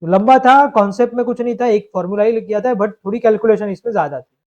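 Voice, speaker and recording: A man's voice: high-pitched, fast, darkish tone. A man teaching math in a live online lecture, explaining step by step and asking students to confirm. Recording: dull lo-fi stream audio.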